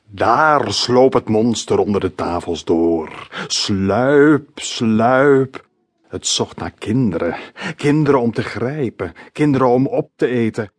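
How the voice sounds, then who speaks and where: Spooky storyteller voice, creaky and slow, drawn out for scares, read by a man; husky, dry audiobook sound. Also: medium pitch, animated, no echo. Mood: creepy. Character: teacher telling a monster tale in a creaking spooky voice.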